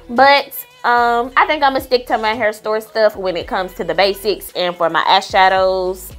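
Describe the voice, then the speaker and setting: A woman's voice: mid-range voice, sharp tone. A woman giving a casual makeup tutorial in a sassy, playful manner, talking straight to her viewers. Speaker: beauty vlogger. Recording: music playing behind the voice. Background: background music.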